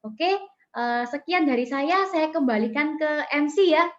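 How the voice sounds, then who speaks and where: A woman mentor gives a coaching talk over a video call, telling a story in a chatty way packed with fillers and often turning to her audience. Her voice sits high and moves a little slowly, and the recording sounds muffled.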